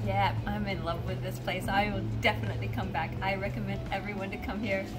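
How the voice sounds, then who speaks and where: Bubbly woman vlogger over loud music. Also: mid-range voice, a little fast, low-quality recording. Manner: bubbly and gushing, excitable. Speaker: vlog host. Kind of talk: casual travel vlog. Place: small quiet cafe indoors.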